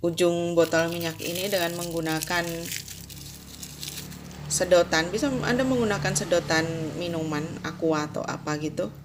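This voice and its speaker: A woman explaining sewing machine upkeep step by step, slow and instructive, addressing the viewer formally. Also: fairly low pitch, background noise. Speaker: sewing tutorial host. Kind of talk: step-by-step tutorial narration.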